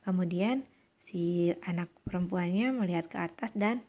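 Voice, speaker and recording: A woman's voice: fairly low pitch, normal speed, phone-quality sound. Patient woman teaching a language lesson. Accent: Indonesian. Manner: clear, patient explanations with acted dialogue lines. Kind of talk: recorded lesson for students.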